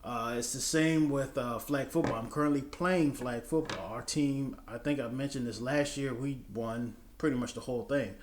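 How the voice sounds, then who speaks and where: A man's voice: mid-range voice, fairly even intonation, normal speed, hardly any pauses. An American man in his thirties, casually answering viewer questions in a loose, rambling way. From United States. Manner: rambling, loose and chatty with many fillers. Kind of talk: casual chat. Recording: echoey room.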